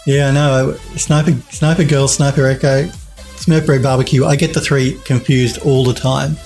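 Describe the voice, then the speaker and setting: A man's voice: mid-range voice, little pitch movement, normal speed, a little mellow, faint music behind. A man in his forties with an Australian accent, chatting casually on a live stream while reading out viewer comments, rambling with restarts and little chuckles. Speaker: 3D modelling streamer. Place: home studio at a desk.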